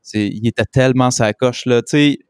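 A man's voice: mid-range voice, moderate pace, darkish tone, clear, resonant tone, no room sound. Man in his twenties, Québécois accent, mid-range voice, slangy casual podcast talk, English words mixed in, dry close sound. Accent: Québécois French. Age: 20s. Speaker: podcast co-host. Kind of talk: casual chat about a TV series.

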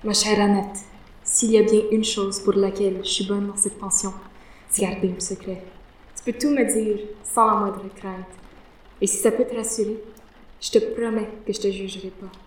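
A woman playing a calm, gentle confidante at a boarding school who speaks softly and reassuringly in an audio drama. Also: mid-range voice, normal speed, natural voice. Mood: soothing. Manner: soothing, soft-spoken, even. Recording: roomy, distant mic.

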